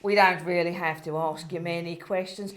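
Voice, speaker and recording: A woman's voice: on the low side, fairly even intonation, moderate pace, natural voice. A woman acting a bubbly, bossy Saint Peter in a comic play, theatrical, emphatic and giggly. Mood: brisk, officious.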